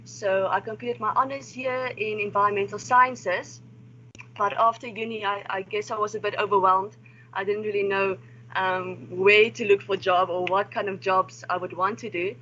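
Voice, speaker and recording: A young South African woman who works as a wildlife research assistant gives a friendly, informal online seminar talk over a video call, restarting now and then. Her mid-range voice is steady, bright, and pushed at a moderate pace, and the call audio is slightly dull with faint noise.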